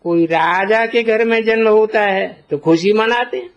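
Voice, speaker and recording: A man giving a slow spiritual discourse as a teacher, deliberate and posing rhetorical questions to his listeners. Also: sits high. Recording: dull lo-fi recording.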